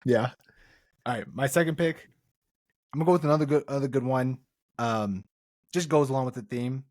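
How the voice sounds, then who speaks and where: A man's voice: medium pitch, normal speed, a little mellow, no room sound. Joking male podcast co-host, dry sound. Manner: joking, laughs often, runs the picks. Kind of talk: casual chat.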